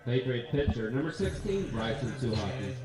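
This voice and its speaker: A man working as the stadium announcer, introducing players in a slow, formal way. His voice comes over the ballpark loudspeakers. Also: medium pitch, big pitch swings, music in the background. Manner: measured and drawn out. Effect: heard over the ballpark loudspeakers. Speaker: stadium public address announcer. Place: outdoor ballpark. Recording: echoey loudspeaker sound from far off.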